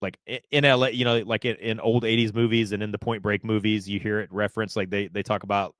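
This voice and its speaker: A man's voice: lowish voice, flat delivery, fast talker, fairly bright tone, no room sound, studio quality. A man co-hosting a casual podcast, explaining things in a laid-back way with many fillers. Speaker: podcast co-host.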